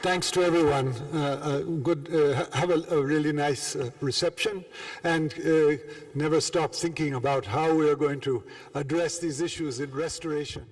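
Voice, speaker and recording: A man moderating a conference panel, polite and somewhat halting. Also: on the high side, fairly even intonation, recorded from a distance. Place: conference room.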